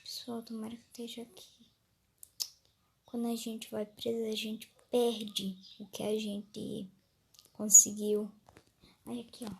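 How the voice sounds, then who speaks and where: A woman's voice: a little high, completely flat delivery, measured pace, gravelly, pauses often, darkish tone, a little hiss or hum. A woman with a Brazilian accent giving nervous, jumpy let's play commentary, often dropping to a whisper. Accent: Brazilian Portuguese. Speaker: gaming youtuber.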